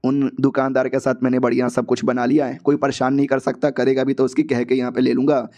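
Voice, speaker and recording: A man's voice: medium pitch, level tone, fast talker, mellow, pitched below the performer's own voice, lightly acted. A man voicing a cocky, tough young male hero who talks with a boastful swagger.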